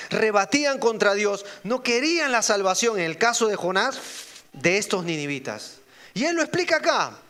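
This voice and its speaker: A man preaching a sermon as pastor, asking the congregation rhetorical questions and acting out the voices he quotes. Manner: acts out quoted voices with sharp pitch jumps.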